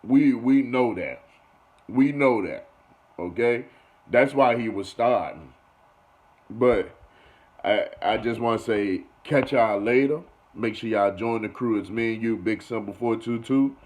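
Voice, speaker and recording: A man's voice: mid-range voice, a little slow, darkish tone. A young man running a casual sports commentary vlog, talking loosely and repeating himself with "you feel me" and "you know". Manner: loose and conversational, repeats phrases, keeps saying "you feel me". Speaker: sports vlogger.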